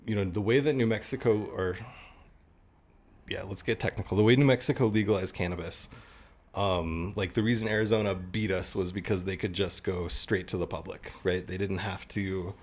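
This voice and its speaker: A man's voice: sits low, steady tone, moderate pace. A man talking as a podcast guest, earnestly explaining policy in a casual chat and laughing at himself now and then. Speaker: podcast guest, cannabis trade group representative.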